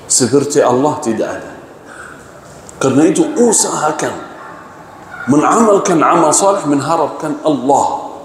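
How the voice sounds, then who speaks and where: A man's voice: mid-range voice, a little hiss or hum. A man preaching a sermon in a large mosque. He asks the congregation rhetorical questions and acts out the people in his story. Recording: echoey mosque hall, faint ambience.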